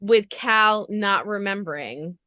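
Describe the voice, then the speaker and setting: A woman's voice: medium pitch, slow pace, sharp tone, dry recording. A woman podcast interviewer recapping a show with gushing enthusiasm in long run-on stretches.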